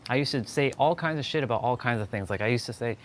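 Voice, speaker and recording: A Toronto man with a Canadian accent delivers an impromptu, insistent motivational monologue on a livestream, repeating phrases to stress them. He talks fast in a mid-range voice. Outdoor ambience makes the recording clearly noisy.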